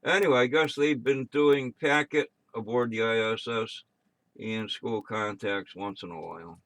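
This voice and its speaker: Halting American man running a radio net. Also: medium pitch, steady tone, fairly bright tone, slight background noise. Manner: halting, offhand, muttered asides. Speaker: amateur radio net control operator. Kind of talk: casual radio net check-ins and announcements.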